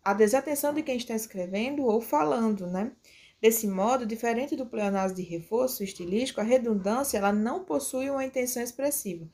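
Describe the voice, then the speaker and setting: A woman's voice: fairly high pitch, brisk, darkish tone. A woman teaching a grammar lesson, explaining patiently step by step. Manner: explains step by step with tag questions.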